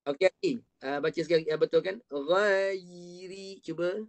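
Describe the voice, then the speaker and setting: A man's voice: a little high, fairly even intonation, fast talker, a little mellow. A man with a Malaysian Malay accent teaching an online Quran reading class, patiently modelling sounds for his student to repeat. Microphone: video call.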